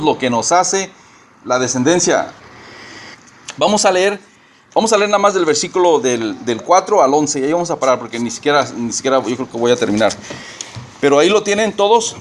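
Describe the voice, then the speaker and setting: Pastor guy preaching, kinda high voice, stumbles and repeats words, faint hiss behind. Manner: halting, repeats words, mixes in English phrases. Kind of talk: sermon.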